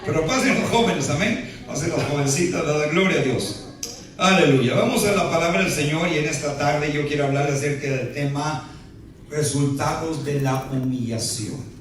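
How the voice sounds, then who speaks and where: A man preaches a sermon in a church, his voice pitched a little high. He keeps checking in with the listeners and slips in light jokes. The sound comes from some distance away and rings around a big, very echoey hall, with faint noise underneath. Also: normal speed. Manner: peppers speech with "¿verdad?" and playful asides. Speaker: pastor. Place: church sanctuary.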